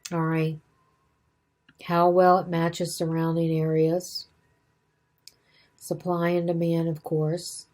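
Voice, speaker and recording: Her voice fairly low and mellow, a woman runs through real estate exam material in a relaxed study-guide style, repeating points and self-correcting as she goes. She mentions that she's losing her voice.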